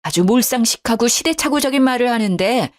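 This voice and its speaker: A woman's voice: fairly high pitch, animated, brisk, voice pushed up, natural voice. An indignant older mother on the phone in a storybook drama, read by a woman narrator. Her talk runs agitated and protective, the voice swinging up when she is outraged and sinking when she backs off.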